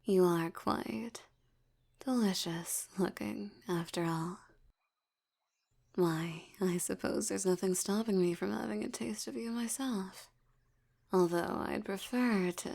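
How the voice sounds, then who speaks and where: Playing a predatory, seductive female vampire in intimate audio roleplay, a woman speaks with a mid-range, darkish voice in a breathy murmur edging toward a whisper. She's haughty, teasing and condescending, her delivery slow and deliberate.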